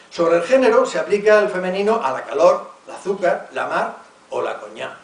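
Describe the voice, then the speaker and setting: A man with a Murcian accent giving a conference lecture, reading word lists aloud and stopping to enunciate each example. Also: high voice. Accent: Murcian Spanish. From Murcia region, Spain. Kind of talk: academic conference talk. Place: university lecture hall. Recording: echoey hall, voice from far off.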